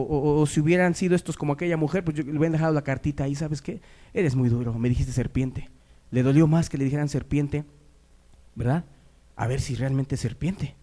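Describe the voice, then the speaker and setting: A man preaching a sermon, moving between quiet, low asides and loud, raised exhortation.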